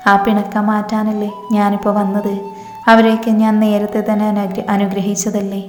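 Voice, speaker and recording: A woman reading as a gentle old grandfather's ghost. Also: mid-range voice, completely flat delivery, moderate pace, natural voice. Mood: coaxing. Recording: echoey reverberant room, faint music.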